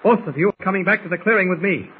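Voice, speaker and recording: A stern government agent hero, voiced by an actor, who gives orders firmly in a fairly high voice. The recording is a dull, slightly noisy old radio broadcast. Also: male voice, very fast, close to an everyday voice. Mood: commanding. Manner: firm, commanding. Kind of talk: 1940s radio acting.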